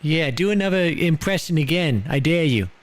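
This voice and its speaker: A man's voice: fairly high pitch, animated, normal speed. A young adult man live streaming in a VR game's voice chat. He talks casually and mocks and teases the strangers he meets. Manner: brash, mocking, teasing strangers. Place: online voice chat in a VR game.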